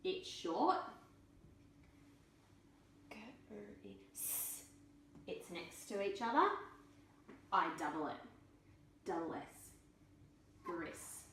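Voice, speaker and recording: Woman teacher, mid pitch, slow and deliberate, sounds out letters; echoey room. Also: big pitch swings, a bit bright, slight background noise. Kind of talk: instructional explanation.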